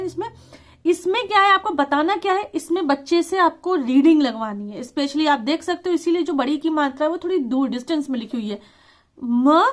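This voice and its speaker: A woman teacher explaining a lesson, reading words out slowly and deliberately and slipping English words into casual talk. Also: high-pitched. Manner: slow, deliberate word reading with stressed syllables.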